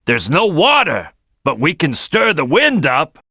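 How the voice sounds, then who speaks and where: A brash cartoon crocodile boss for a video game. The voice is gritty and raspy, pitched high and swinging widely as he barks at his crew with bossy, eager gusto. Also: huge pitch swings, measured pace, no echo, studio quality, exaggerated voice. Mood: puzzling, searching. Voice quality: gravelly, raspy, forceful. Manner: loud, bossy, exclamatory, barking orders to his crew. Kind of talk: animated video game voice acting.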